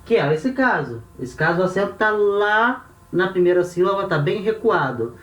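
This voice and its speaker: A man's voice: sits high, expressive, moderate pace, fairly bright tone. A man with a Brazilian Portuguese accent teaching Ancient Greek grammar, explaining step by step and counting syllables aloud. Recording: roomy echo, voice off-mic.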